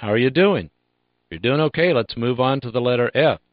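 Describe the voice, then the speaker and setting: A man teaching a drill lesson in a calm, patient, scripted manner, repeating practice phrases for the listener. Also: mid-range voice, fairly quick, no echo, phone-quality sound. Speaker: instructor. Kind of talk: scripted instructional narration.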